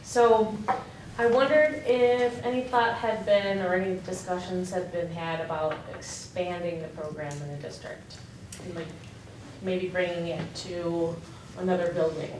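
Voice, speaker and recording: A woman's voice: lowish voice, steady tone, measured pace. A woman asking a question at a board meeting, hesitant and trailing off. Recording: echoey room, distant mic, clear hiss.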